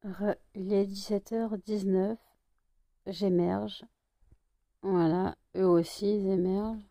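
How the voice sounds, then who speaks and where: A woman's voice: medium pitch, steady tone, slow pace, mellow, no room sound. Woman vlogger thinking aloud, dry sound. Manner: rambling, many hesitations, thinking aloud. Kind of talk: casual chat to camera. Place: at home.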